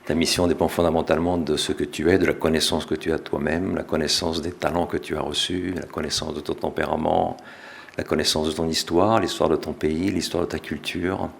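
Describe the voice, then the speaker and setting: Deep gravelly middle-aged french guy talking to a crowd, relaxed, fixes his own slips. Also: fairly quick, a little hiss or hum. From France. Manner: relaxed, self-deprecating, with restarts. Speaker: author and speaker. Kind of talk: public talk to an audience.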